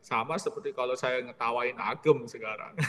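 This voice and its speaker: A man in his forties, a priest leading a retreat, telling a personal story in a lively way and tagging his sentences with "ya". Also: mid-range voice, measured pace, long reverb tail.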